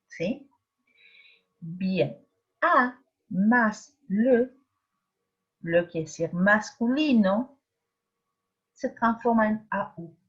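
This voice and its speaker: Woman, French teacher, tutorial, patient step-by-step, unhurried, muffled lo-fi sound. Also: medium pitch, animated. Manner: patient, explains step by step with frequent check-ins. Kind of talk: recorded tutorial for students. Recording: dull lo-fi sound.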